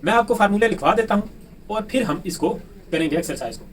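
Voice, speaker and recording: High-voiced Pakistani math teacher, distant mic. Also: male voice, expressive, fairly quick. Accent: Pakistani Urdu. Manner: asks the class questions and answers them himself. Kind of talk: whiteboard math lesson. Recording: distant mic with faint room noise.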